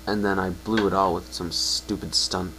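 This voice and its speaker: In this fan-fiction reading, a man plays a dejected young pegasus with a low voice, speaking sincerely and hesitantly as he faults himself. His delivery is pushed and bright with little pitch movement. The recording quality is poor and carries faint noise.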